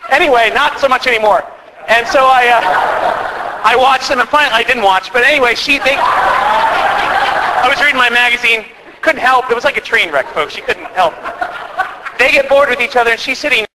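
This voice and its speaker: A man's voice: very high-pitched, normal speed, long pauses, in a large hall, very noisy. A man who is a priest, telling a chatty, self-deprecating comedy story to a live audience and acting out the quotes. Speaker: priest doing stand-up comedy. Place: parish hall with live audience.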